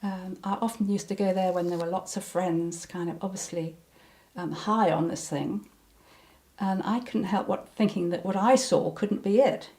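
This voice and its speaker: A woman's voice: medium pitch, fairly even intonation, moderate pace, warm tone. An older woman recounting personal memories in an interview, hesitant, with many ums and restarts. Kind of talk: reflective personal recollection.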